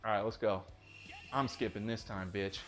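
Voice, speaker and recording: A man commentating live over his own ranked fighting game matches, excitable and profane, dropping to mutters and then yelping at big moments. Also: lowish voice, moderate pace. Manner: excitable, swings between mutters and sudden yelps; profane trash talk at his opponent. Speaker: gaming streamer. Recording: game music loud behind voice.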